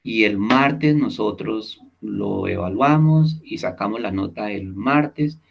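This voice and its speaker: A man's voice: on the low side, slow pace, gravelly, dull audio, noisy background. A man teaching a class over a video call, explaining step by step and often checking in with his students. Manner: explanatory, repeats key words, checks in with "¿listo?". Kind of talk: online class lecture.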